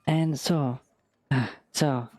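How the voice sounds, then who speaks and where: A man's voice: on the high side, warm tone, dry recording. A man running a tabletop game as game master, narrating casually in a rambling, jokey way.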